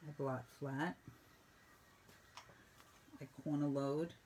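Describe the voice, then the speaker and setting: A woman painting instructor walking students through each brush stroke in a brisk, teasing teaching manner. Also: low-pitched, steady tone, very noisy. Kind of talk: step-by-step painting lesson.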